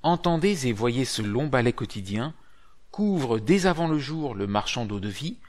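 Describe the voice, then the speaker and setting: Male narrator, medium pitch, scripted delivery, formal literary reading. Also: lively intonation, normal speed, a little mellow.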